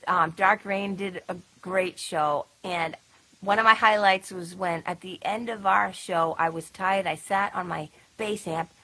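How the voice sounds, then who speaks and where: On a low-quality recording, a woman speaks at a medium pitch, a little slowly, in a steady, sharp tone. She's a band member co-hosting a livestream recap, casually chatting about past gigs with fillers and laughs.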